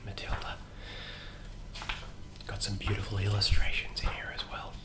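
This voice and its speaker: A young man in a whispered role-play as a librarian, speaking in a soft, breathy library whisper with a gentle, hesitant manner, close to the microphone. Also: on the low side, wildly swooping pitch, normal speed. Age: young adult. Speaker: librarian recommending and reading children's books. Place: small plain room indoors.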